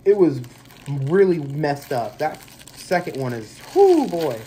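Recorded on a close webcam mic in a small bedroom, the low-quality audio has slight background noise. A young man in his twenties, stuffy from allergies, rambles easygoingly through a movie unboxing as a collector vlogger, using many fillers. His fairly high voice is sing-song, slow and mellow.

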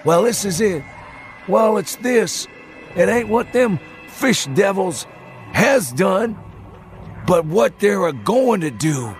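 A man's voice: high-pitched, expressive, slow pace, pitched above the performer's own voice, heavily acted. A man voicing a terrified, ancient male townsman who talks in a rustic old-timer dialect, in an audiobook reading. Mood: urgent, ominous. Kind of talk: audiobook character voice. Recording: music underneath. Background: music.

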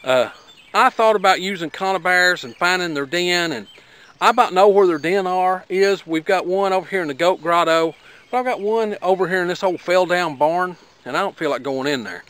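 A middle-aged homesteader vlogger with an Appalachian accent speaks in a high, smooth, somewhat bright voice at a moderate pace. He rambles along in a folksy, plainspoken manner as he shows something off outdoors by his garden.

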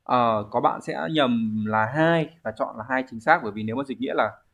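A man's voice: mid-range voice, normal speed, a bit bright. A man, teaching a language exam review lesson, explaining step by step and answering his own questions.

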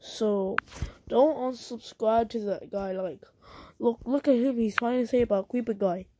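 A woman's voice: fairly high pitch, a little slow, background noise. A woman hosting her own channel, ranting angrily in repetitive slang and swearing a lot. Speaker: channel host. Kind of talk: angry ranting vlog.

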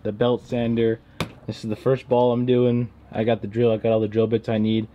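A young man vlogging casually to camera from his home workshop and his car, relaxed and full of "like" fillers. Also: medium pitch, fairly quick, lo-fi sound, a little hiss or hum. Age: young adult. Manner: relaxed, talks straight to camera with frequent "like" fillers. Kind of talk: casual vlog narration.

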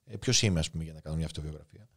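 A man in his thirties with a Cypriot Greek accent, a guest author and coach speaking in a casual interview with an impulsive, emotional, spontaneous storytelling manner. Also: extremely low pitch. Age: 30s.

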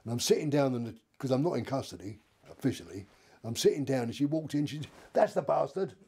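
A man's voice: medium pitch, expressive, fast, mellow, slightly rough. A man, telling rambling stories with many restarts and acted-out dialogue. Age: 70s. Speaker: interviewee. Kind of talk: casual anecdote telling.

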